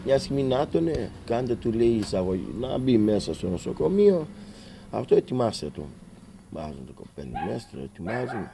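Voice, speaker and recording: A man's voice: medium pitch, sing-song, vocal fry, background noise. A man with a Cretan accent, a father recounting his story to a reporter in an agitated way and acting out the conversations he had. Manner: agitated, acts out dialogue with rising intensity. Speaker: father of a patient.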